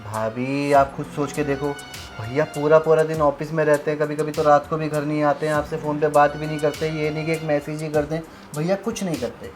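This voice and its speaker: A man's voice: on the high side, flat delivery, fairly quick, faint music behind, lightly acted. A young man playing a pushy brother-in-law who coaxes and wheedles in a melodramatic short film. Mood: coaxing. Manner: coaxing, wheedling.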